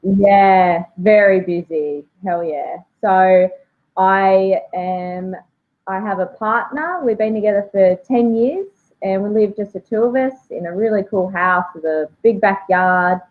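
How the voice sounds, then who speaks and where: A woman's voice: medium pitch, a little slow. A woman in her thirties with a broad Australian accent, chatting casually and jokily as an interview guest over a video call. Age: 30s. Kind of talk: casual chat. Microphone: remote video call. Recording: thin, phone-like call audio.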